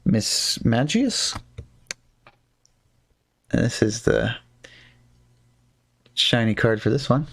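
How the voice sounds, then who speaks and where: A man with a gravelly, relaxed mid-range voice streams a card game live, chatting casually. He talks extremely slowly with frequent pauses, humming and muttering to himself as he plays.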